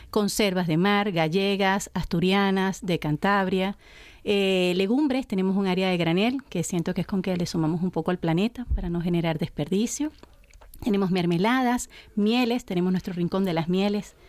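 A woman's voice: mid-range voice, a little mellow, no room sound. A Venezuelan woman, a shop owner, being interviewed on the radio and explaining her business earnestly. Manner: earnest, explanatory, listing products.

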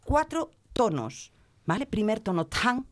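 A woman's voice: on the low side, animated, brisk, darkish tone. A woman, a language teacher guest on a radio chat, explaining things and laughing often.

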